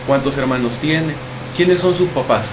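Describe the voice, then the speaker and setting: A man's voice: mid-range voice, normal speed, background noise. A young man interviewing, asking questions politely and formally with short prompts. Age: young adult. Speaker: student interviewer.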